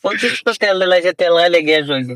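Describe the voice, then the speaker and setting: A man's voice: high-pitched, quick pace, a bit bright, clear, resonant tone, dry recording. A man chatting casually with short, offhand remarks while he cooks. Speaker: friend cooking on camera. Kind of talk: casual chat.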